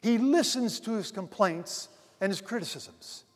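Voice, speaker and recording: A pastor preaches with a high voice that rings out in a large hall with a long reverb. He swings from ringing emphasis to almost hushed asides, addressing the congregation as dear friends. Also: lively intonation, a little slow. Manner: dramatic swings between loud emphasis and near-hushed asides. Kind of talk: sermon.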